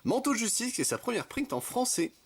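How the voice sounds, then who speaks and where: A young man casually commenting while opening trading card packs, listing card names and adding quick asides. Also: very high voice, big pitch swings, breathy edge. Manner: chatty, reads card names in quick lists, self-correcting asides. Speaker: card-opening video host. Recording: faint background noise with card crinkling.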